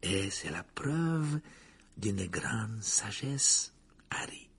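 A man reading aloud and voicing a calm, thoughtful adult male teacher in a low, husky, measured storybook voice. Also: exaggerated voice. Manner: soft-spoken, measured, sometimes whispered.

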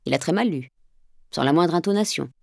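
A woman's voice: sits low, expressive, fairly quick, creaky, darkish tone, no echo, studio quality, exaggerated voice. A woman voicing a stern, cold middle-aged father who speaks in curt, disapproving lines.

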